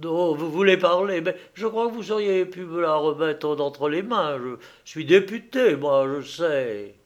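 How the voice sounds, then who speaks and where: A man's voice: on the high side, a little slow, dull audio, pitched above the performer's own voice, lightly acted. A man reading an audiobook, voicing a proud, anguished grown son who pleads urgently. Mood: forced ease.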